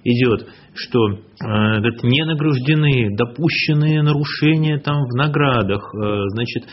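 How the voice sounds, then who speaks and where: A man's voice: medium pitch, moderate pace, slightly rough. A man speaking as a historian guest in a radio interview, explaining earnestly in long, building sentences. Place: radio studio. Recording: dull lo-fi radio, faint hiss.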